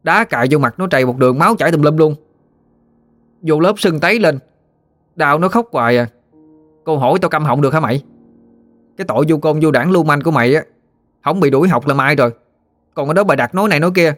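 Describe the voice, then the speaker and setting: Man as shy kid turned brave, high-pitched outraged tattling; dry sound. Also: a bit bright, dry recording, faint music behind, lightly acted. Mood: indignant. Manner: indignant, rushing accusations. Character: timid boy suddenly brave.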